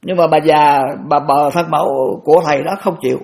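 A man's voice: fairly high pitch, steady tone, a little fast, a little mellow. A man in his eighties, a Buddhist monk giving a dharma talk, repeating phrases and restarting often with homely examples. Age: 80s.

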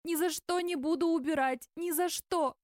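Woman reading as tearful young barmaid, high and pleading, exclaiming in despair. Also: moderate pace, a little mellow, no echo, studio quality, lightly acted. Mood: distraught.

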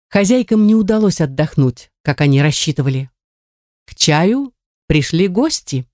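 A woman narrates a classic story in a measured, even way. Her voice is fairly low and mellow. The recording is dry and close, with no room sound. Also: no room sound. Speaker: audiobook narrator. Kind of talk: scripted narration.

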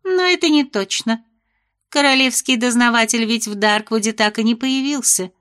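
Woman reading nervous fairy headmistress, evasive, dismissive, soothing, higher-pitched voice. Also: moderate pace, a bit bright, close to an everyday voice. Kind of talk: audiobook character reading.

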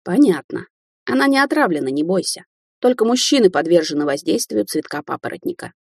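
A woman's voice: on the low side, very animated, a little fast, gravelly, slightly rough, no room sound, exaggerated voice. Woman voicing a dry, grating old crone. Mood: lecturing. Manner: scolding, sharp-tongued. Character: tiny ancient grumpy old woman forest sage. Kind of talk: audiobook character reading.

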